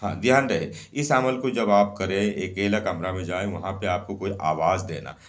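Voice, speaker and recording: A man's voice: deep voice, moderate pace. A man explaining ritual instructions step by step in a casual spoken way, repeating each point and often checking in with "okay".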